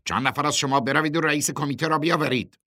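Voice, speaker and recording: A man voicing a bossy, gruff male leader of a porters' gang who gives curt, loud commands. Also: a little high, pitched above the performer's own voice. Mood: commanding.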